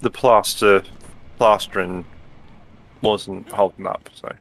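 A man's voice: lowish voice, fairly even intonation, slow pace, a bit bright. A man chatting casually as co-host of a gameplay video. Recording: faint background game noise. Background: video game ambience.

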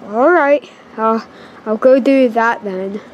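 A woman's voice: a little high, slow, muffled recording, a little hiss or hum. A girl voicing a know-it-all kid inventor who talks in an offhand, dismissive way.

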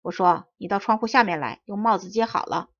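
A woman voicing a grumpy, wrinkled little old man who barks gruffly. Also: lowish voice, brisk, sharp tone, dry recording, lo-fi sound. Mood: angry. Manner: gruff, barking.

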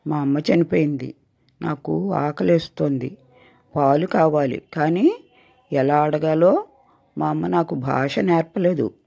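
A weepy little orphaned kitten from a bedtime story, as an older woman puts it on, pleading in a tearful way. The voice is dark and raspy, with a gravelly edge. It sounds like a dull, lo-fi home recording. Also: low voice, slow, long pauses, exaggerated voice.

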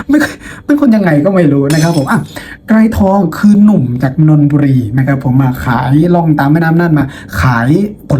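A man teaching in a lesson video, which he also hosts, chats with students in an informal, playful storytelling style and often asks rhetorical questions. His voice is fairly high with a darkish tone, and there is noticeable background noise.

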